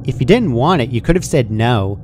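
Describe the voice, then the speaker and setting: A man's voice: medium pitch, big pitch swings, normal speed, background noise, lightly acted. A man voicing a perky, sadistic female cartoon pony from a fan story, casual and chirpy while menacing. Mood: mildly annoyed.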